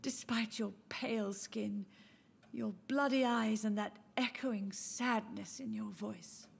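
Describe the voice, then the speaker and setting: An actress voicing a gentle, confused, grieving elderly mother in a game, with a soft and sorrowful manner. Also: on the high side, steady tone, slow, vocal fry, a little hiss or hum, heavily acted. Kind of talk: game voice acting.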